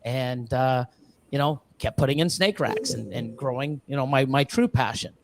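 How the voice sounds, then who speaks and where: A man's voice: mid-range voice, moderate pace. A man chatting casually as a guest about breeding reptiles, rambling with lots of fillers, restarts and the odd curse. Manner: swears casually. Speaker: guest, ball python breeder. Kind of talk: casual live-stream chat. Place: reptile facility in Ontario.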